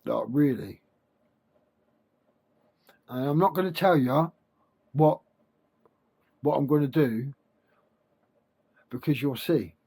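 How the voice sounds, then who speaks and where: A man speaking without his teeth, with soft gummy consonants, giving a halting, repetitive, informal spiritual monologue to camera. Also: medium pitch, vocal fry, slightly rough. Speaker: self-help video creator.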